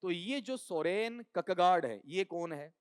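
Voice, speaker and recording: A man's voice: sits high, lively intonation, measured pace, smooth, dry recording, clean studio sound. A man teaching an exam coaching class, quizzing students with call-and-response questions. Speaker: English teacher.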